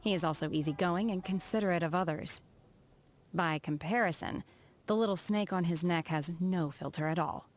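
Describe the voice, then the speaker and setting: Music backs her lines as she portrays the game's young female apprentice of immortals, soft-spoken, formal, a little low and aloof in her measured pace. The performance is lightly acted, composed and matter-of-fact.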